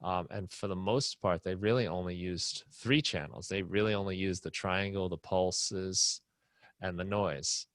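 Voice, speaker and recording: A man's voice: low voice, fairly even intonation, a little slow, no echo. A man hosting a live online music production class, explaining casually with many fillers and restarts.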